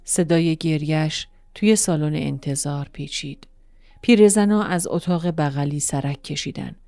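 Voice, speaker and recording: A woman narrating a first-person story in a soft, emotional, intimate way. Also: low-pitched, vocal fry, no echo. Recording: dry studio voice-over with soft music.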